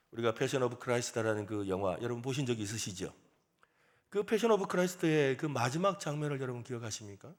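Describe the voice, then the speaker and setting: This mid-range male voice belongs to a pastor delivering a sermon in a church sanctuary. He tells a story with animation and throws rhetorical questions at the congregation.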